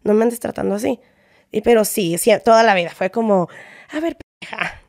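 A woman's voice: medium pitch, a little fast, creaky, darkish tone, no room sound, studio quality. A young woman with a Mexican accent, a guest in a casual interview, chatting and acting out the dialogue in her stories. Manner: chatty storytelling, acts out quoted dialogue.

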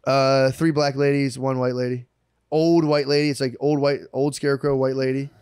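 Male podcast co-host, thirties, casual comic storyteller, mid-pitched, dry sound. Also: flat delivery, normal speed, darkish tone, clear, resonant tone, no echo. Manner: loose, profane storytelling. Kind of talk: casual comedic banter.

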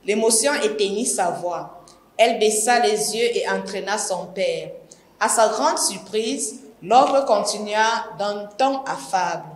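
A woman's voice: medium pitch, takes it slowly. A woman teacher with a Cameroonian French accent, carefully reading a novel aloud for a lesson. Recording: echoey room.

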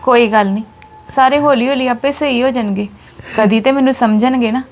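A woman with a Punjabi accent playing an unhappy young married daughter who speaks softly and with resignation. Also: fairly high pitch, steady tone, brisk, faint music behind, natural voice. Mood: resigned. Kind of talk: family drama acting.

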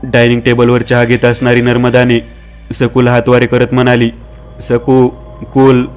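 A man narrating a horror story in a steady, even-toned scripted reading. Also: mid-range voice, a little fast, clear, resonant tone, faint music behind.

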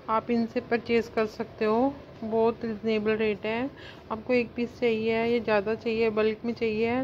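A woman's voice: fairly high pitch, a little mellow, lo-fi sound, slight background noise. A woman filming a casual shopping vlog as she walks through wholesale market stalls and points out goods and prices. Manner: chatty, repeats "guys" and "very pretty" a lot. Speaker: cosmetics channel vlogger.

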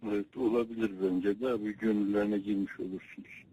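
Husky low man on a landline phone. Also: steady tone, fairly quick. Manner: soft, brief replies and blessings. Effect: heard over a landline phone. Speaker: senior figure receiving a report by phone. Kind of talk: private phone call. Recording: dull, muffled phone line.

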